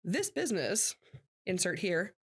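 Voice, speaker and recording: A woman's voice: fairly low pitch, sing-song, measured pace, slightly rough. Playful female podcast co-host. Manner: playful, acts out examples. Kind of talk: casual podcast chat.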